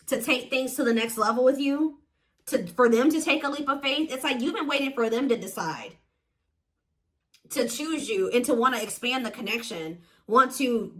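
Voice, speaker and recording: A slightly high, fairly bright female voice is heard on poor audio. She hosts an intuitive, informal tarot reading for viewers, speaking conversationally and with emphasis, and she repeats herself to underline her points.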